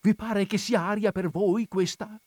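A man's voice: sits high, fairly even intonation, unhurried, a little mellow, no room sound, pitched above the performer's own voice. A man voicing a fearful, fretful old village priest who pleads in anxious, rising alarm. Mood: pleading. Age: older.

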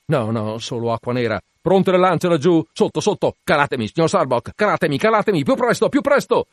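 A man voicing a fierce, obsessed whaling captain in an audiobook, shouting urgent, commanding orders to his crew in long, repeated cries. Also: medium pitch, normal speed, no room sound, clean studio sound, lightly acted.

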